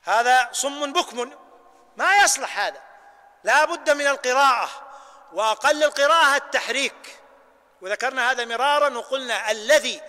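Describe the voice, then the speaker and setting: A man with a Najdi Arabic accent teaching a sheikh's lesson on prayer, demonstrating recitations with slow, drawn-out readings. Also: very high voice, bright, forceful tone. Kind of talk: hands-on religious lesson. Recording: hall reverb.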